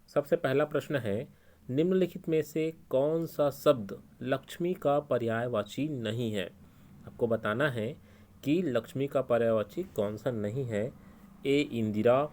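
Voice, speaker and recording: A man's voice: medium pitch, darkish tone. A man with a Chhattisgarhi Hindi accent teaching an exam-prep lesson, explaining each answer step by step and repeating the key points.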